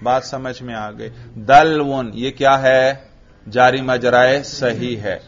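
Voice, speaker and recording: A male teacher gives a classroom grammar lesson. He asks the class questions and answers them himself, and repeats key terms slowly. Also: medium pitch, fairly even intonation. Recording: dull lo-fi recording.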